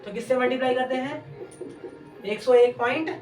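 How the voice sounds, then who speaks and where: A woman's voice: sits high, normal speed, a little mellow. A woman chemistry teacher giving an exam-prep lecture, asking questions and answering them herself while repeating key terms. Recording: echoey room, distant mic, background music.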